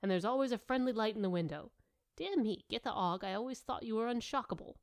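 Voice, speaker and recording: A stern old witch who speaks calmly and with dry wit, never raising her voice, as a woman reads her. The delivery is measured and even. It plays like a storybook reading. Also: on the high side, pitched above the performer's own voice, lightly acted.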